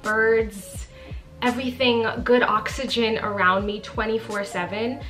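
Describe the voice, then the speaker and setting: A woman's voice: on the high side, fairly even intonation, unhurried, fairly bright tone, faint music behind. Chatty young woman vlogging to camera. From Bahamas. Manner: chatty and emphatic, often says literally. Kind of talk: casual talking-to-camera vlog. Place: small bright living room indoors.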